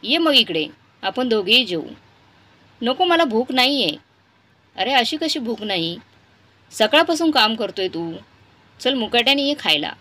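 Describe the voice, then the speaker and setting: A kindly male shop worker talks gently and reassuringly in a storybook tale, voiced by a woman. The tone is bright and fairly high. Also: very animated, measured pace, pauses often, exaggerated voice. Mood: comforting.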